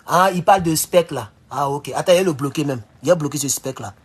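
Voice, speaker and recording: Talking quickly with a breathy edge, a man addresses viewers in a casual live stream, rambling as he swings between loud, high-pitched outbursts and quiet mutters.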